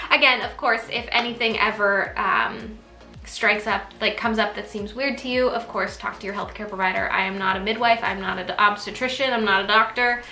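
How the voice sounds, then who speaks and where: A woman's voice: mid-range voice, steady tone, moderate pace, sharp tone, roomy sound, soft background music. A young woman chatting casually to camera as a vlogger, bubbly and laughing often, with a stuffy nose. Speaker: pregnancy vlogger.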